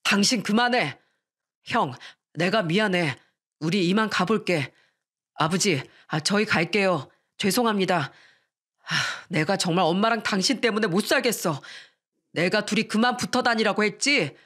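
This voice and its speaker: A woman's voice: mid-range voice, normal speed, fairly bright tone, natural voice. Flustered brother-in-law, read by a woman narrator, apologetic. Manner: apologetic, scolding his wife. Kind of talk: storybook reading.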